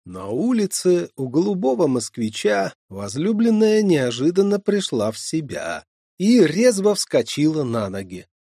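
Male audiobook reader, slow and lively, dark gravelly tone. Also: a little high, dry recording, clean studio sound. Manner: measured, expressive reading. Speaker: audiobook narrator. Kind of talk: scripted narration.

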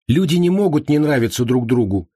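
A man voicing a calm, broad-shouldered man who speaks unhurried and slightly haughty. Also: mid-range voice, slightly rough, dry recording, clean studio sound, pitched above the performer's own voice. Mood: cool.

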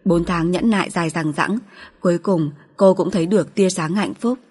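A woman narrates an audiobook in a steady, even manner. Her voice sits fairly low and has a husky grain. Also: moderate pace.

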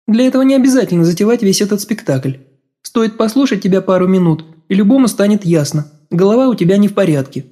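A sharp-tongued young woman, as a male narrator puts her on, in an audiobook. Her voice sits well above his, with a soft, mellow tone and a slightly distant, changed timbre. She needles her lover with quick, pointed, reproachful questions. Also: high-pitched, lively intonation, pitched above the performer's own voice. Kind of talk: audiobook character voice.

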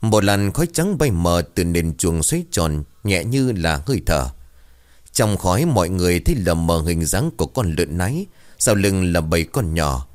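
A man narrating a ghost story in a slow, atmospheric storytelling manner. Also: low voice, sing-song, darkish tone.

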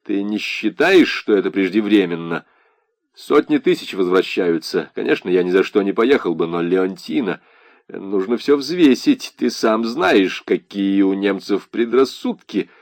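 A man reading an audiobook voices an excitable middle-aged Frenchman, a fervent patriot who yells in a thin, high voice. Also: unhurried, no room sound, clean studio sound. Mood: pleading, careful. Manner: shrill, indignant shouting.

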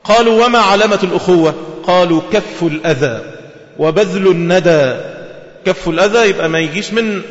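A man with an Egyptian accent delivers a lively sermon at a quick clip, his voice pitched high. He keeps asking the audience rhetorical questions. The recording is dull and lo-fi, with a long echo from a large hall. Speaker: preacher. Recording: echoey hall, dull lo-fi sound.

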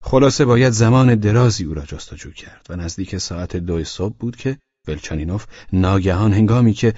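A man narrating a novel as an audiobook in a steady, measured reading. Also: lowish voice, dry recording. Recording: dull lo-fi dry recording.

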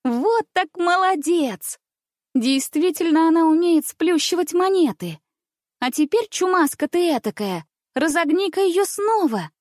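A woman voicing a capricious, spoiled little princess girl who talks in a bright, bossy way. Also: high voice, expressive, normal speed, dry recording, studio quality, voice pushed up.

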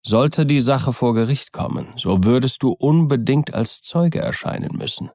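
A man reading an audiobook, voicing a grave middle-aged lawyer in a low, measured tone. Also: animated, dark tone, no room sound, clean studio sound. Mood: stern.

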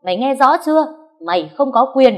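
A woman doing a shrill, bullying old mother-in-law. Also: expressive, brisk. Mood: furious. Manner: shouting, abusive.

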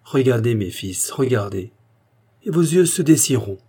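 A man's voice: mid-range voice, expressive, moderate pace, dark tone, husky. A man voicing an old male Dominican hermit priest with a solemn, fatherly preaching manner. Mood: fervent.

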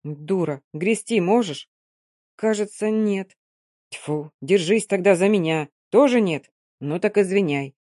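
A reader voicing a sullen young man who talks curtly and gruffly. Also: mid-range voice, unhurried, a little mellow, dry recording, studio quality, lightly acted. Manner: curt, gruff.

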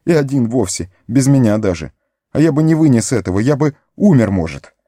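A man's voice: sing-song, brisk, mellow, no echo, clean studio sound. A man voicing a loyal, fretful young male hobbit servant in an audiobook, pleading and tearful in a raised voice. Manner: high pleading, sobbing, breathless. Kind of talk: audiobook character voice.

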